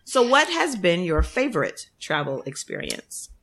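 A woman's voice: on the low side, very animated, unhurried, a bit bright. A woman hosting a podcast with casual interview chat and a playful, teasing way of talking. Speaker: podcast host.

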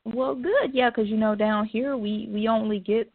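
A woman's voice: a little high, steady tone, moderate pace, dry recording. Woman radio host on a phone-like line. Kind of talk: casual radio show chat.

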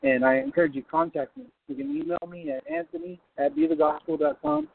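A man's voice: extremely high pitch, sing-song, brisk, gravelly, dry recording. A man calling in on a buzzy, glitchy phone line that keeps breaking up. He preaches fervently from a moving car and speaks straight to the listener. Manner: fervent, exhorting, addresses the listener directly. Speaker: caller. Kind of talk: prophetic preaching over the phone. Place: driving through the hills. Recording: tinny, breaking-up phone call.

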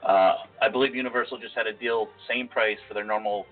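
A man's voice: lowish voice, steady tone, fairly quick. Nasal-voiced man, lo-fi podcast audio. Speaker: podcast co-host. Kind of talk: casual podcast chat. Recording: phone-like lo-fi audio with faint music.

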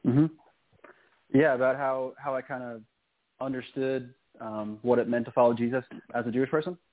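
A man's voice: mid-range voice, level tone, normal speed. Earnest young man on a phone line. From New York. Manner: earnest, hesitant with many ums. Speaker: guest. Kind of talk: phone-in radio interview. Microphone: phone call.

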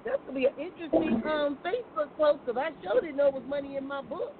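A high-voiced American woman with lively intonation talks at a quick pace as she hosts a casual live call-in show, with a crowd audible behind her. She asks questions in a folksy, conversational manner over thin, phone-like sound.

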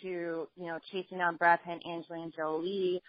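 A woman journalist and author, a guest in a phone interview, telling her life story in an earnest, steady way. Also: on the low side, brisk. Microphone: phone line. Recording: dull lo-fi phone line.

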